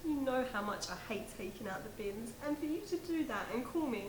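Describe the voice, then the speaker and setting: Actress as smug lovestruck Brit girl, high giggly voice, unhurried, echoey room. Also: very animated. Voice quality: giggly, gushing. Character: giggly lovestruck young woman, smug about her boyfriend. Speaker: sketch character. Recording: roomy echo, faint noise.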